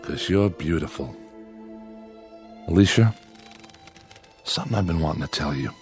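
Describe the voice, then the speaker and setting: In a dramatic radio-style performance, an actor plays a lonely man devoted to his android companion, shifting between yearning and defensiveness in confessional narration. His voice rumbles low at a normal speed, sounding tender and eager, with faint music in the background.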